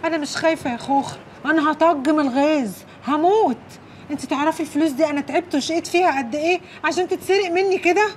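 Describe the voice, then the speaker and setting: A woman playing a high, wailing Egyptian woman. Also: quick pace, slight background noise, close to an everyday voice. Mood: chatty. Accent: Egyptian Arabic. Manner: wailing, pleading outbursts. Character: wronged, desperate young working-class woman. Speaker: film actress. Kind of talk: film melodrama acting. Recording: music score behind. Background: film score music.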